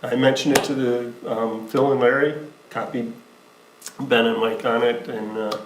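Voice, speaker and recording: A man speaking at a school board meeting, halting with many fillers, sometimes moved. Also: medium pitch, level tone. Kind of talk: meeting remarks. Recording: echoey meeting room, faint noise.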